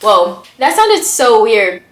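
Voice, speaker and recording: A woman's voice: fairly high pitch, very animated, slow, fairly bright tone, reverberant, a little hiss or hum. A woman in her twenties from Florida, chatting in a bubbly, rambling way as a YouTuber, filling her talk with "like". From Florida, USA. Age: 20s. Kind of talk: casual chatty vlog.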